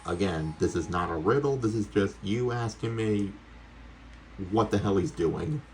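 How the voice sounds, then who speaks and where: Deep-voiced man chatting through a game, noisy background. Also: animated, unhurried. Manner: chatty, rambling, talks to viewers; casually sweary. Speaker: video game streamer. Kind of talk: casual gameplay commentary.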